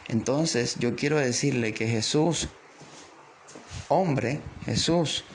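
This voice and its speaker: A man's voice: mid-range voice, slow pace, a little hiss or hum. A man with a Colombian coastal accent preaching a devotional, fervent and repetitive, stretching out key words for emphasis. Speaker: pastor.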